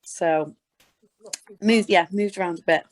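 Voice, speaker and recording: Her voice fairly low and a little slow, a British woman chats as an interview guest in relaxed conversation. She's a sports presenter from Scotland and Gloucestershire, England, answering conversationally.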